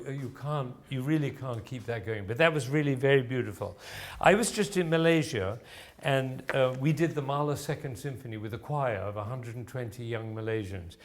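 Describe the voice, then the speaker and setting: Encouraging man coaching in a masterclass. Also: mid-range voice. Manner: encouraging, explanatory, demonstrates sounds and phrases. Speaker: music teacher giving a voice masterclass. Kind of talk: live coaching of a singer before an audience. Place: room with an audience present.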